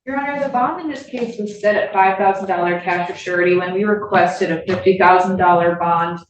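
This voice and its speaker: A woman prosecutor arguing in a formal, measured way, heard on a courtroom recording. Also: lowish voice, a little hiss or hum. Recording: echoey, distant, dull courtroom audio.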